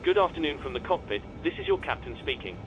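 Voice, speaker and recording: A brisk captain over the cabin intercom. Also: male voice, fairly high pitch, big pitch swings, muffled recording, background noise. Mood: reassuring. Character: calm male airline captain addressing passengers. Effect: cabin intercom announcement. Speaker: airline captain. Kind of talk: scripted passenger announcement.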